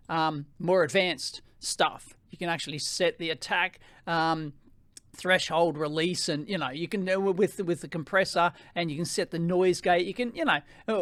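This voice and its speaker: An Australian man with a high-pitched voice and rising sentence endings, giving an excitable, casual off-the-cuff gear demo into a close microphone. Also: dry recording. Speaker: tech reviewer hosting a gear demo. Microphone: close podcast microphone.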